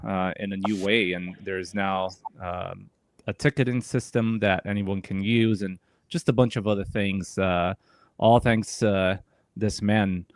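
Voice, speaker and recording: Low voiced guy hosting, chill, lots of ums, dry close sound. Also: no echo. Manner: relaxed, lots of fillers. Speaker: host. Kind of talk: casual chat.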